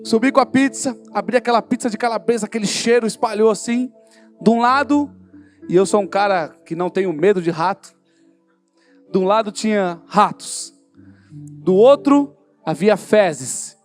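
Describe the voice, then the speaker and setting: A fervent Brazilian man preaching his own testimony from the pulpit, his voice sitting very high. He tells the story vividly and acts out the dialogue. Soft instrumental music plays faintly behind him. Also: animated, moderate pace. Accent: Brazilian Portuguese. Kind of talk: sermon testimony. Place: church service in a hall.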